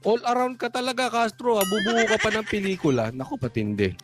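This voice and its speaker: A man's voice: sits high, animated, a little fast, over music. A man giving political reaction commentary, mocking and sarcastic, firing off rhetorical questions.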